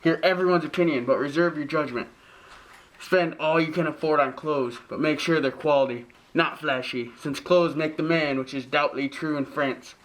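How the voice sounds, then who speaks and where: A man's voice: a little high, moderate pace, fairly bright tone, lightly acted, poor audio. A man playing a pompous, overbearing father who lectures and scolds in a parody drama. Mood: preachy. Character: pompous, preachy, overbearing father of grown children. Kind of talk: parody drama acting, modern-English Shakespeare.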